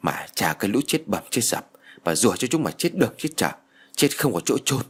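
A man's voice: big pitch swings, slightly rough. A man voicing a foul-mouthed old village woman who scolds and curses. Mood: muttering. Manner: shrill, scolding, cursing rapidly.

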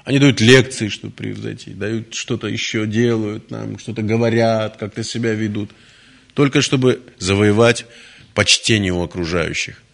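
Gravelly low-voiced male lecturer. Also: steady tone, normal speed, fairly bright tone. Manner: conversational, storytelling, frequent restarts. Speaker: spiritual lecturer. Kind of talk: devotional lecture.

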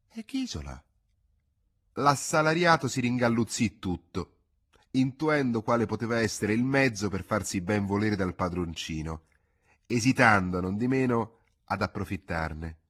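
A man reading a literary novel aloud as a measured audiobook narration. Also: sits low, fairly bright tone, slightly rough. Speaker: audiobook reader. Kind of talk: scripted narration.

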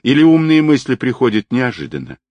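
A man's voice: medium pitch, very animated, fairly quick, a little mellow, no room sound, highs cut off, pitched above the performer's own voice. A man voicing a mocking, commanding crippled man who sneers at everyone, read out as part of a story. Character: mocking crippled man, boss, sharp-tongued.

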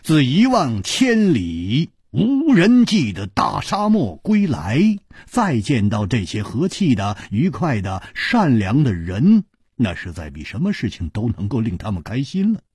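A man narrating a long-form story broadcast with dramatic, drawn-out phrasing. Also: mid-range voice, wildly swooping pitch, a little mellow, breathy edge, dry recording, clean studio sound.

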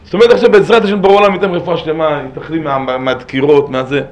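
A middle-aged man giving an impassioned religious lesson as a rabbi, swinging from hushed pleading to loud exhortation and repeating words for emphasis. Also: fairly high pitch, fairly even intonation.

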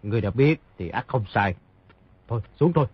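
A boisterous wounded swordsman, played by a male audiobook reader, barks out his lines with rough bravado. The voice swings widely in pitch and sounds slightly husky. The audio is muffled and lo-fi. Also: animated, a little fast, no echo. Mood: gruff. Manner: rough, boastful, laughs loudly. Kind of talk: audiobook character reading. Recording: dull lo-fi audio.

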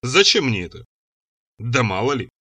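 A man's voice: medium pitch, very animated, normal speed, sharp tone, husky, no room sound, voice pushed down, full character voice. A man voicing a blunt, fierce young woman scientist who snaps indignant retorts, in an audiobook reading. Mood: firm.

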